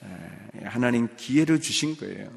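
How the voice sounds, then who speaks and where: A man preaches a sermon in a church sanctuary, his voice gravelly with a mid-range pitch. He tells a story in an easy, conversational way, then builds to emphatic high points. A long reverb from the large hall trails behind each phrase. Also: animated, normal speed, a little mellow. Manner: storytelling, rising to emphatic peaks. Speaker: pastor.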